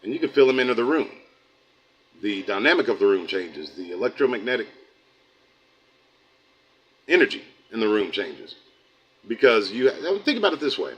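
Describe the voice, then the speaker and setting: A man's voice: on the low side, very animated, normal speed, pauses often, fairly bright tone, a little hiss or hum, rough recording. A middle-aged man from the United States hosting a livestream, chatting casually with viewers in a folksy, rambling way that drifts into preaching. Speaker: host of a livestream channel. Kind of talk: casual livestream talk, reading chat.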